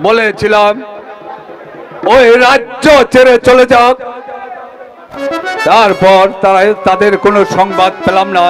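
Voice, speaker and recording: Faint music and crowd murmur lie behind a loyal protector of the folk stage, played by a man. The voice is very high for a man. It declaims earnestly in halting phrases. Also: level tone. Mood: earnest, concerned. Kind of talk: folk theatre (jatra) stage acting.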